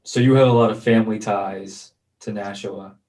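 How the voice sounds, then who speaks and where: A man's voice: lowish voice, steady tone, moderate pace, darkish tone. Man interviewing young baseball players. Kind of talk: casual interview questions.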